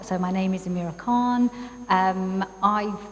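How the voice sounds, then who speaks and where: Speaking a little slowly in a medium pitch, this woman in her thirties from East London is a psychologist giving a warm, chatty personal talk, full of fillers, as a guest speaker at a community event. The church hall echoes, with some faint noise in the background.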